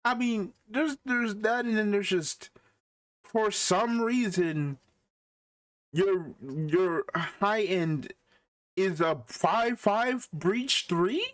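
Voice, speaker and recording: A man's voice: sits high, very slow, a bit bright. A man co-hosting a casual podcast chat, teasing and incredulous as he talks. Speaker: podcast co-host.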